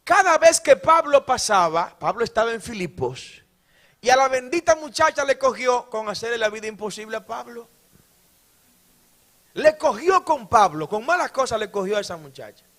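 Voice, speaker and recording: High-voiced animated preacher. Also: male voice, moderate pace. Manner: animated preaching, shouting praise, mimicking complainers. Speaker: pastor. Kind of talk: sermon. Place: church before a congregation.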